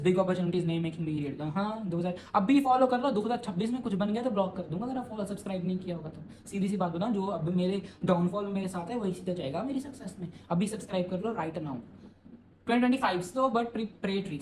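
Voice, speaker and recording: Young male YouTuber, rapid, jokey, self-promoting; light room noise behind him. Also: high voice, darkish tone, poor audio. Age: young adult. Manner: fast-talking, joking, self-promoting. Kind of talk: casual vlog, reacting to a reading.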